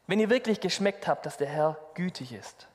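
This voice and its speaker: A man preaching a sermon, lively and speaking directly to the congregation. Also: high-pitched, moderate pace. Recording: long hall reverb.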